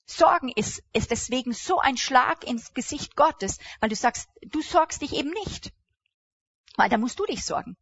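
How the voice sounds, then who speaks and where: Animated woman preacher, dull lo-fi sound. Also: high voice, moderate pace, slightly rough. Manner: animated, emphatic, acts out quoted speech. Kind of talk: sermon.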